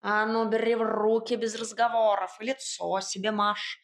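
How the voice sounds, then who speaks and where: A woman voicing a grumpy, bossy male talking cat in an audiobook, with a gruff, scolding drawl. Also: medium pitch, steady tone, measured pace, close to an everyday voice. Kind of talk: audiobook character voice.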